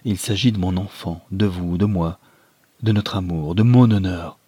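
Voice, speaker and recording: A man's voice: low-pitched, moderate pace, mellow, husky, no echo. A man voicing a torn young mother and wife, earnest and pleading, in an audiobook reading.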